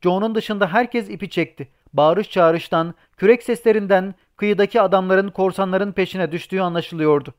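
A man reads a seafaring novel aloud in steady, scripted audiobook narration. His voice sits a little on the high side for a man. He takes the characters' lines himself as he goes. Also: moderate pace, few pauses, smooth.

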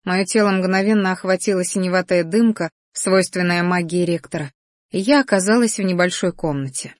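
A woman narrating a first-person fantasy audiobook in a calm, even storytelling manner. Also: on the low side, a little fast, no room sound, studio quality.

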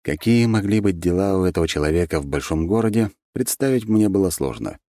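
A man narrating a fantasy audiobook in an even, measured storytelling manner. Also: deep voice, no room sound, clean studio sound. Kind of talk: scripted narration.

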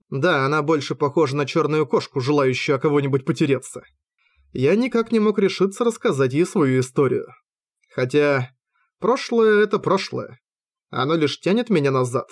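A man with a voice on the high side narrates an amateur audiobook in the first person. His delivery is expressive, wry and self-mocking.

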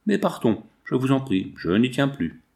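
A man's voice: medium pitch, sing-song, normal speed, creaky, a little mellow, pitched above the performer's own voice. A man voicing a terse, brooding young male country squire in an audiobook. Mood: tense.

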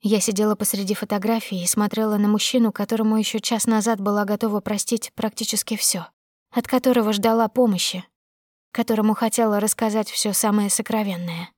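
A woman's voice: mid-range voice, fairly even intonation, fairly quick, a little mellow, no room sound. A woman narrates a dramatic first-person audiobook with tense, emotional delivery. Her voice sits in a middle register. The sound is close and dry, with no room around it.

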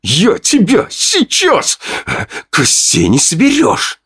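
A man voicing a vicious teenage boy bully with a hoarse, spitting snarl. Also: fairly high pitch, very animated, measured pace, fairly bright tone, pitched above the performer's own voice, heavily acted. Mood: snarling, taunting.

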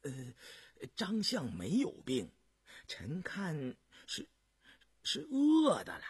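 A man voicing a plainspoken court official who hesitates with drawn-out fillers. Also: lowish voice, animated, breathy edge, no room sound, studio quality, voice pushed down, exaggerated voice. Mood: puzzled. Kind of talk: storytelling radio reading.

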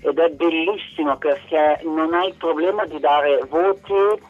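A man's voice: on the high side, steady tone, a little slow. Hesitant man on a muffled line. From Italy. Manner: hesitant, many fillers. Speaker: tour guide and historian.

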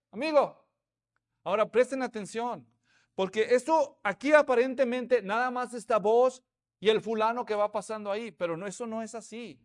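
A pastor preaching a sermon, telling the story with animation and acting out the voices of townspeople. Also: male voice, very high-pitched.

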